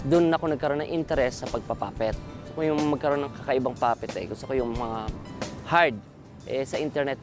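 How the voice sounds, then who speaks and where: Earnest man from Bulacan telling his story. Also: medium pitch. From Bulacan, Philippines. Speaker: talent show contestant. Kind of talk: casual interview.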